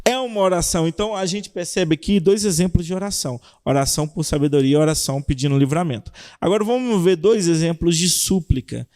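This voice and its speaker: A young man with a Brazilian Portuguese accent preaching a youth sermon, animated, acting out cries and prayers as he teaches. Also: on the high side, fast talker, few pauses.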